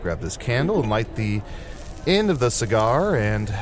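Man as a brash, very animated adventurer. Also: mid-range voice, measured pace, soft background music. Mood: breezy. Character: brash, vain, foul-mouthed male fantasy adventurer. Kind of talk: improvised comedy dialogue.

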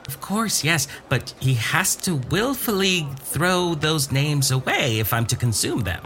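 A man voicing a tiny, flattering male imp who cheerfully eats other people's garbage. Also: on the high side, measured pace, faint music behind, exaggerated voice. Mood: eager. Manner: eager, people-pleasing, flattering, giggly.

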